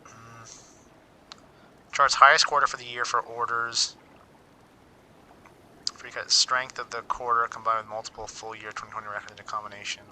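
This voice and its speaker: A man's voice: mid-range voice, level tone, moderate pace, long pauses, pushed and bright, a little hiss or hum, low-quality recording. A man streaming casually, thinking aloud as he reads out figures and muses on them wryly, often repeating words mid-sentence. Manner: wry, self-interrupting, repeats words as he reads. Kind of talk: casual livestream commentary.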